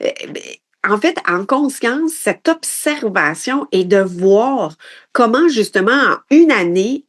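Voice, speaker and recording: A woman in her late forties, speaking with a Quebec French accent at a medium pitch, hosts a reflective personal development podcast. Her delivery is introspective and halting, and she often restarts her phrases.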